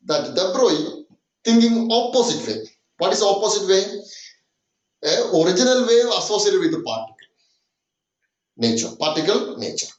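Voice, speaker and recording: A man's voice: high-pitched, echoey room, poor audio. A man teaching a chemistry lesson with a Malayali accent, switching between English and Malayalam, repeating points with many "okay"s. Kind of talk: classroom lecture.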